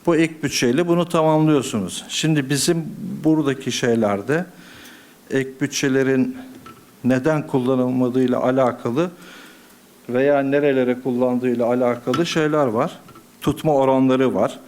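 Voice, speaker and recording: Man, budget committee member, podium microphone, formal council address, measured, hesitant fillers. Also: mid-range voice, fairly even intonation, darkish tone.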